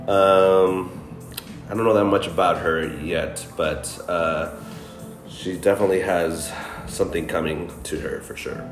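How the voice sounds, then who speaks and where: Man, very low voice, hesitant casual talk, roomy echo from off-mic. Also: steady tone, a little slow, recorded from a distance, over music. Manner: hesitant, many fillers. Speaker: co-host presenting songs. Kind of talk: casual chat.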